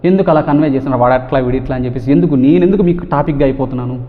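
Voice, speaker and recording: A man vlogging to camera, talking fast and forcefully and firing off repeated rhetorical questions. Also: mid-range voice. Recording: tinny phone-like sound with long reverb.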